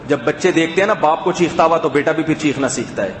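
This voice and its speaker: A man preaching a sermon in a mosque, swinging between emphatic raised calls and hushed soft asides. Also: on the high side, echoey room, big-room sound, a little hiss or hum.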